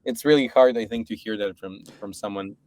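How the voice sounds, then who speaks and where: On a podcast, a startup co-founder from Serbia talks briskly in a lowish, slightly mellow voice, with no echo in the recording. He's relaxed and reflective in this casual conversation, often starting his sentences over.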